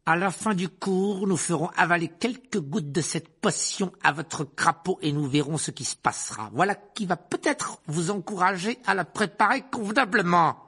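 A man voicing a cold, sneering male potions teacher who speaks slowly and with contempt, in a storybook reading. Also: high-pitched, pushed and bright, breathy edge, voice pushed up, exaggerated voice. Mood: scornful. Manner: slow, cutting, contemptuous.

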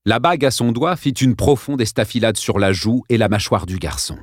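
A man reads a suspense novel aloud in a dramatic style. His voice is low and his inflection is lively. The recording is dry and close, with no room sound. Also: brisk, no room sound. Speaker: narrator. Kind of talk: audiobook narration.

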